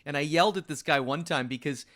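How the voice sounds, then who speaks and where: A man's voice: fairly high pitch, fast talker, fairly bright tone. A man hosting a podcast, chatting casually and energetically with a guest and now and then swearing. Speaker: podcast host, jiu-jitsu coach.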